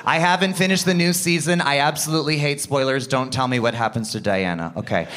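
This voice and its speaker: A man from Canada in his thirties performing a stand-up comedy set, animated and slipping into mock voices. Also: mid-range voice, a little fast. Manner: animated, does mock voices, laughs often. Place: live comedy stage with audience.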